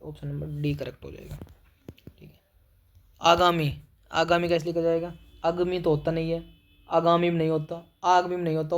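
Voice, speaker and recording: A young man teaching a Hindi spelling lesson for exam students, spelling each word syllable by syllable and repeating a quick "okay" after every answer. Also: a little high. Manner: spells words syllable by syllable, repeats "ठीक है", calls students "भाई".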